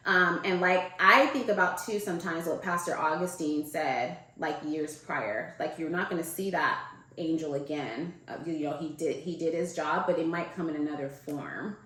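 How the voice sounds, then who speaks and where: Low-voiced woman telling a story, echoey room. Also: moderate pace. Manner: animated, mimics quoted people in a higher voice. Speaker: guest. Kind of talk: casual storytelling.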